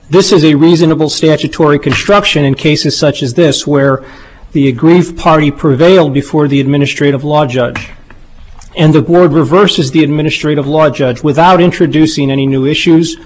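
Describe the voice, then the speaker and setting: A man making a formal legal argument in a courtroom, speaking deliberately and deferentially as an appellate lawyer. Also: on the high side. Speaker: lawyer arguing an appeal. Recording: dull, muffled courtroom recording.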